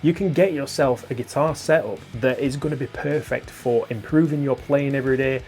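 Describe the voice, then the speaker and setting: A man's voice: mid-range voice, brisk, a little mellow. A young British man hosting a guitar channel, talking gear casually, swearing and laughing at his own jokes. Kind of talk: casual gear talk to camera.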